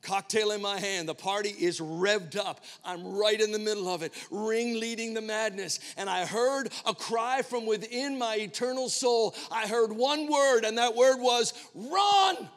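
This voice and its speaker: A male pastor preaching a sermon, telling a personal story with dramatic swings between hushed and emphatic delivery. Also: high voice, steady tone, moderate pace, few pauses, big-room sound. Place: church sanctuary.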